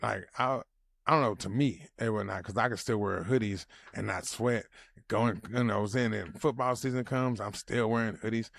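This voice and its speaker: A man's voice: fairly low pitch, moderate pace, vocal fry, fairly bright tone, dry recording. A man co-hosting a podcast, telling rambling joking stories in casual chat. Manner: loose, rambling, joking storyteller. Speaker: podcast co-host. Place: Denver area.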